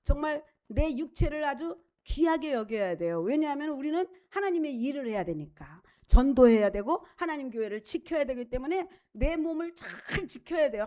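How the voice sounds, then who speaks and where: Woman pastor, sermon, high and very animated voice, chatty with listeners, acts out prayers. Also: moderate pace, few pauses. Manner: conversational, asks the congregation questions; acts out prayers and quoted speech.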